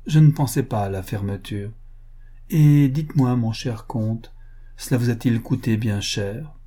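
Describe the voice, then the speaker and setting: A man's voice: mid-range voice, unhurried, dark tone, lightly acted. A man reading the part of a crude, greedy rich upstart with a blunt, boastful way of talking. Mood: blustering.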